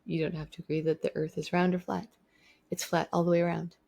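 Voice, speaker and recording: Speaking quickly with little rise or fall in pitch, this woman has a fairly low, gravelly yet mellow voice. She's a vlogger giving an emphatic, opinionated monologue to camera, repeating herself to drive her points home.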